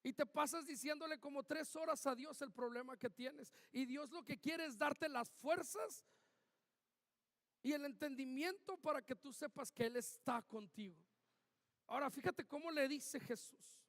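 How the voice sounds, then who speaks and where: A man's voice: very high-pitched, a little slow, a bit bright. A man preaching a sermon, punching out key words and acting out quoted lines. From Mexico. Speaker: pastor. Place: church hall. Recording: echoey church hall.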